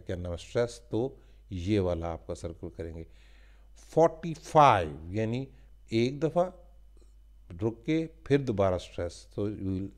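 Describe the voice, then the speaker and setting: Slow, patient Pakistani male teacher. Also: fairly low pitch, darkish tone. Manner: reads English slowly word by word, explains in Hindi-Urdu; repeats filler "theek hai ji" often. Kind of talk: workbook lesson walkthrough.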